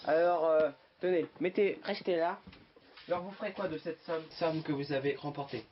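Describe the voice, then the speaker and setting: A man speaking as a game show host, running the show and interviewing contestants in a halting, improvised way, often repeating his words. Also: on the high side, faint music behind. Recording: dull lo-fi sound with faint noise and clicks.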